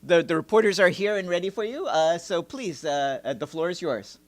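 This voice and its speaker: A man moderates a press briefing and hands the floor to the guest. His voice sits a little high for a man, and he stumbles through fillers and restarts. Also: fairly quick. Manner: hesitant, filler-heavy handover.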